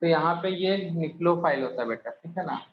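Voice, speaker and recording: Male chemistry teacher, slightly high voice, quizzes the class; echoey room, dull lo-fi sound. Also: fast. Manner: quizzes students, calls them beta. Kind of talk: classroom lecture. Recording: echoey room, muffled, faint hiss.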